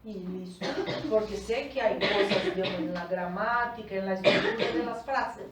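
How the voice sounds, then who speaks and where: This Portuguese-speaking woman coach teaches a group in Spanish at a slow pace, checking in with "¿tá?" again and again. Her medium-pitched voice carries a little hiss or hum. The echoey room and her distance from the microphone are noticeable.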